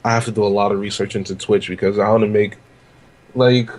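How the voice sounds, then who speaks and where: A man's voice: fairly low pitch, fairly even intonation, quick pace, darkish tone. A young man hosting a casual podcast chat, rambling with lots of restarts and fillers. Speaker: podcast host.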